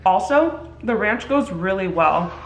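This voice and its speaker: A woman's voice: medium pitch, expressive, a little slow, muffled recording, a little hiss or hum. A woman vlogging in a casual, chatty way, full of "like" fillers. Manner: chatty, filler-heavy with frequent "like". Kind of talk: casual chat to camera.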